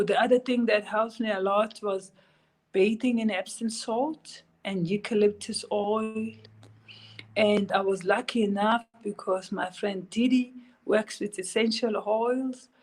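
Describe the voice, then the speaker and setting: A woman with a South African accent and a mid-range voice, captured on a rough recording, appears as an interview guest sharing her story of recovering from illness. Her earnest personal testimony comes as urgent, pleading advice that she repeats again and again.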